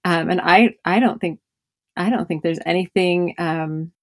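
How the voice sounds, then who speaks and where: Thirtysomething mom of five on a podcast, low-ish voice, thoughtful, dry close sound. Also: female voice, measured pace, no room sound. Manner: reflective, thoughtful, many fillers. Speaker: podcast host. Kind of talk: casual podcast conversation.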